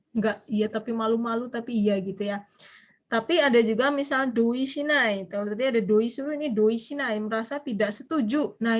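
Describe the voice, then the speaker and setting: A young woman lecturing an online language class, chatty and animated, dropping foreign phrases into her explanations and quizzing her students. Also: a little high.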